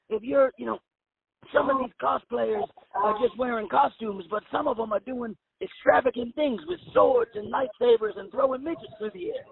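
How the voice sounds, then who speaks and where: A man giving rambling, anecdotal talk on the phone in a deadpan, meandering manner. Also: very high voice, creaky. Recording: tinny phone line, crowd-like background noise.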